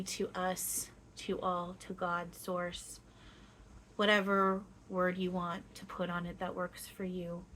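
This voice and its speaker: A woman speaking as a seance medium, voicing a gentle, playful, loving spirit guide who teaches in halting phrases with long pauses. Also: mid-range voice, rough recording. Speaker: trance channeler. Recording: clear steady background noise.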